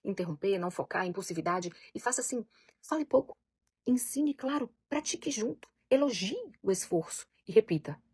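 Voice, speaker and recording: A woman's voice: medium pitch, lively intonation, a little fast, a little mellow, husky, no room sound, clean studio sound. A woman, a parenting coach giving an earnest, emphatic faith-based talk to camera.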